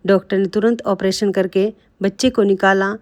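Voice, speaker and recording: A tender elderly mother speaks softly, read by a woman in a plain storybook voice. She sounds comforting and loving, with an everyday medium pitch. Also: level tone, moderate pace, no echo, natural voice. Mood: consoling. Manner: soft, consoling.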